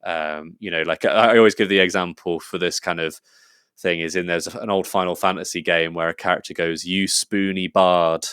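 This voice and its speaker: A very low-pitched English man chatting as a podcast guest, his voice smooth and resonant. He rambles eagerly, full of fillers and restarts, and the sound is close and dry with no room around it. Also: steady tone, brisk, fairly bright tone, no echo. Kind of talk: casual conversational interview.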